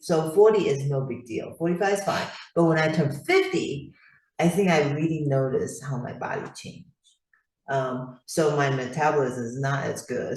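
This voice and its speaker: A woman in her fifties chatting softly in a casual roundtable. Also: sits low. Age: 50s. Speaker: fitness club member guest. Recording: very echoey, distant from the mic.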